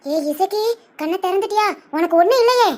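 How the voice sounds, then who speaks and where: Squeaky high woman voicing a bossy village lady, snaps insults at everyone, cartoon. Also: brisk, darkish tone. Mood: scolding. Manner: scolding, name-calling. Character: scolding sharp-tongued village woman. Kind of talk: cartoon voice acting.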